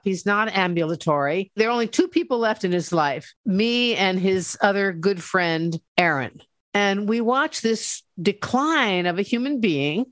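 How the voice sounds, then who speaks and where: An older woman co-hosting a podcast in casual chat. She speaks frankly at an average pitch and laughs easily. The sound is dry and close. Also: dry recording. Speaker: podcast co-host.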